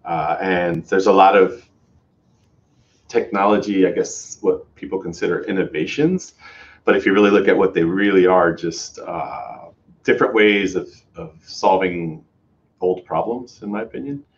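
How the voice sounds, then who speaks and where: A man's voice: low-pitched, normal speed, highs cut off. A man hosting a tech livestream in casual chat, rambling with many fillers and restarts. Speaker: host, developer advocate.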